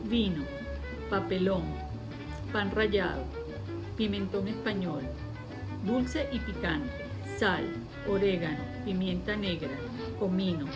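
An older woman with a Venezuelan Spanish accent listing the ingredients of a dish in a brisk, matter-of-fact way at a small shop. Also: medium pitch, animated, rough recording. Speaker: hallaca maker. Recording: crowd and music behind.

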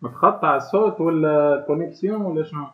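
Tunisian guy teaching over a crappy laggy video call, talks fast, kinda high voice, sounds thin like a phone. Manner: explains step by step, keeps asking the class questions. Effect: choppy, low-quality online stream audio. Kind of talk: online class lesson. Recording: tinny low-bandwidth online call audio.

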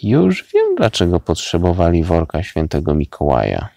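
A man's voice: sits low, sing-song, measured pace, vocal fry, a little mellow, dry recording, clean studio sound, exaggerated voice. A man reading a storybook aloud and voicing a clever, bookish young woman detective who reasons things out. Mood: excited. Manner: thoughtful, reasoning.

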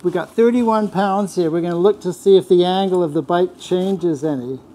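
An older man with a high voice, a dark tone and normal pacing casually walks through motorcycle fabrication step by step in a large workshop. He builds motorcycles and is showing his shop work, speaking plainly and repeating words often. The low-quality recording carries a little hiss or hum.

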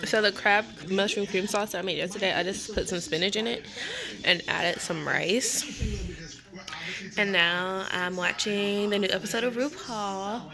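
A woman's voice: mid-range voice, normal speed, crowd noise. A young woman vlogging casually about her day, in chatty, slangy talk with casual swearing, recorded on a phone camera. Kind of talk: casual vlog chat. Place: home and car.

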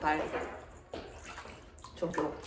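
A woman talking through a face mask, vlogging a food tour in a playful, teasing way and laughing often. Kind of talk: casual vlog chat to camera. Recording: clear traffic and street noise behind.

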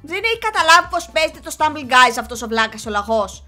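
A young woman giving excitable gameplay commentary, often yelling and scolding her character. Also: sits high, soft background music. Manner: excitable, yells and scolds the game. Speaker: gaming YouTuber.

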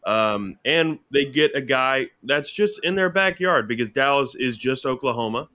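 Man, bright forceful voice, rambling casual sports talk, co-host. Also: medium pitch, normal speed. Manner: relaxed, rambling with fillers and restarts. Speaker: podcast co-host.

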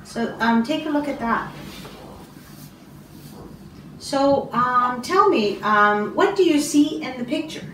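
A middle-aged woman from Canada, an English teacher giving a speaking test, slow and encouraging with many ums and throat clears. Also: sits high, expressive, fairly bright tone, a little hiss or hum. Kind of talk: slow, patient test interview. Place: small classroom office, indoors. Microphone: far camera. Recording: roomy, distant camera sound.

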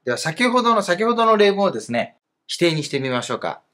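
A man's voice: sits high, very animated, fast talker, bright, forceful tone. A man teaching a Chinese grammar lesson in Japanese, explaining patiently with fillers.

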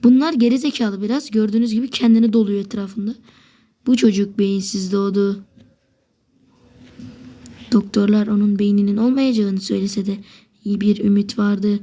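A woman's voice: medium pitch, normal speed, long pauses. A woman giving live gameplay commentary, swearing at opponents and getting worked up, sometimes dropping to a whisper. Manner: excitable, swears a lot, talks to opponents; drops to a whisper at times. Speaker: gamer.

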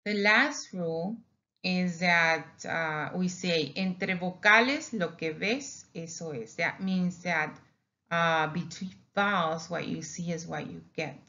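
Patient teacher, woman, speaks slowly, repeats sounds for students, muffled recording. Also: lowish voice, fairly bright tone. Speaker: Spanish teacher. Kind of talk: slow classroom lesson narration over slides.

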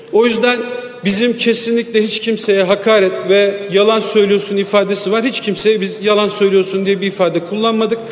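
A fairly high-voiced man addresses the floor from a lectern microphone in a large assembly hall. His words bounce around the chamber with a long, roomy reverb trailing each phrase. He pushes back against accusations, making each point in turn. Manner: defensive, rebutting accusations point by point. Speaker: member of parliament. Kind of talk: parliamentary floor speech. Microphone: lectern microphone at the rostrum.

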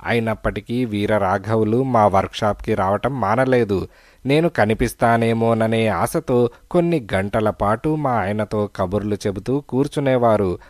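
Brief: a worried young wife pouring out her story, voiced by a man, low and dry. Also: measured pace, darkish tone, no echo, close to an everyday voice. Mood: confiding. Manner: sorrowful, hesitant pleading. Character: frightened young married woman confessing to a detective.

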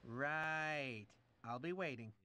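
A man's voice: on the high side, slow, pushed and bright. A man voicing a nervous, eager-to-please male TV producer with a slight lisp, who stammers through video game cutscene dialogue. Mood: brisk businesslike.

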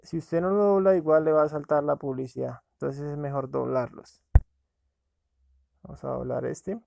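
A man's voice: a little high, fairly even intonation, moderate pace, gravelly, dark tone, no echo. A man casually narrating a screen-recorded app walkthrough, talking to viewers as friends. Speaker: app reviewer.

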